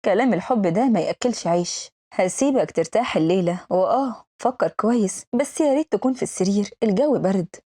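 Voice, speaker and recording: A woman's voice: medium pitch, expressive, fast, warm tone, husky. A woman with an Egyptian accent voicing a cold, scheming young wife who speaks in a smug, dismissive way. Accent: Egyptian Arabic.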